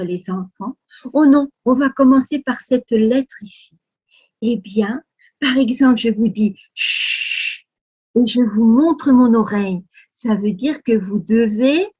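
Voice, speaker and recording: A woman with a French accent leading a children's Sunday school lesson, speaking slowly with exaggerated, exclamatory storytelling for kids. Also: a little high, warm tone, breathy edge, dull audio. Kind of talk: animated lesson for young children.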